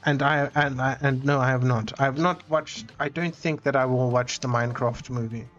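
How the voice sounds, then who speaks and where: A man's voice: medium pitch, steady tone, normal speed, fairly bright tone, soft background music. Rambling male streamer, dull lo-fi audio. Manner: rambling, self-interrupting, playfully dramatic. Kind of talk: casual live-stream chat while gaming.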